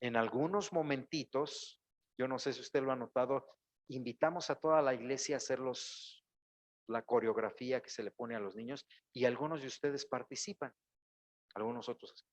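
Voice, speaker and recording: A man with a mid-range voice preaches a sermon at a moderate pace in a church sanctuary, calling out to the congregation. His delivery builds with rising exclamations, and he acts out quotes as he goes.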